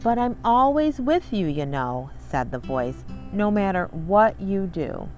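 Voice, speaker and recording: A woman hosts a children's read-along in a medium-pitched, very animated voice with a darkish tone, reading at a measured pace. She turns to viewers with warm, encouraging asides. The audio is poor, and background music plays behind her.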